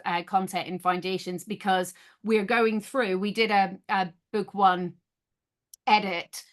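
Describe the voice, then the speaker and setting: A middle-aged woman, an educator, explaining her maths programme in an interview, lively and acting out little dialogues as she talks. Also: medium pitch. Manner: animated storyteller, acts out dialogue, laughs often.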